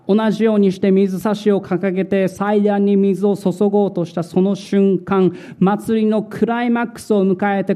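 Man preaching, high mellow voice, slow and dramatic, repeats words for weight. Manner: slow, dramatic delivery with emphatic repetitions. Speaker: pastor. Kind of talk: sermon.

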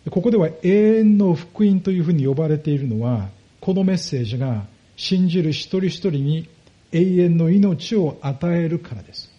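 A pastor preaching a sermon, explaining step by step and putting rhetorical questions to the congregation. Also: male voice, a little high, normal speed, dark tone, dull audio.

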